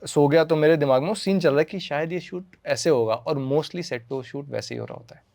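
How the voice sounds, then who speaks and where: A young man, an actor and podcast guest, talking casually and mixing Hindi and English. He is an animated storyteller who acts out scenes. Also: fairly high pitch, fairly quick, gravelly, no room sound.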